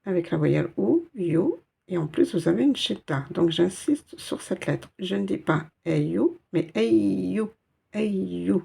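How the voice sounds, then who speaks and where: A woman's voice: lowish voice, big pitch swings, normal speed, creaky, hardly any pauses, warm tone, breathy edge. A woman teaching a step-by-step Arabic reading lesson in French, patient and explaining each letter and sound.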